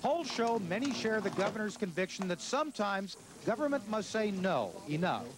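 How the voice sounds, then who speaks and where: A man's voice: sits high, sing-song, normal speed, noisy background. A man narrating a scripted television news report as a correspondent.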